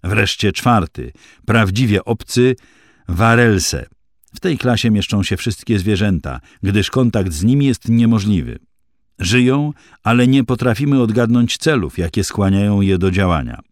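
A man's voice: on the low side, expressive, a little slow, dry recording, clean studio sound. A man voicing a precise, scornful young female student who lectures exactly. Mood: lecturing.

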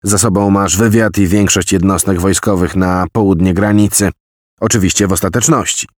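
A man voicing a blustering American general who runs a spy office, raising his voice above his own low register into agitated, declaiming tirades. He rants and commands in a dry, close reading for an audiobook. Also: steady tone, moderate pace, no room sound, lightly acted. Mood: commanding.

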